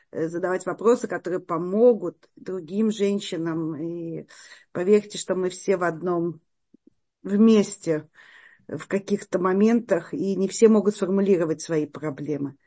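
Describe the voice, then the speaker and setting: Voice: mid-range voice, a little mellow. Hesitant meeting moderator asking a question. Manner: hesitant, many fillers and restarts while asking. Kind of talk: hosting an interactive meeting.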